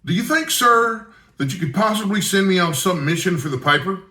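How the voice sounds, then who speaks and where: A man's voice: high voice, expressive, brisk, pushed and bright, roomy sound, pitched above the performer's own voice. A man voicing an eager young reporter from a storybook, earnest and deferential. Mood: earnest pleading.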